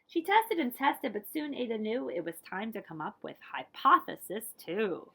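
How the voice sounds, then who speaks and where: A woman reading a picture book aloud to children as a librarian, with expressive, dramatic emphasis. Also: on the high side, moderate pace, creaky, slightly rough. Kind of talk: animated storybook read-aloud.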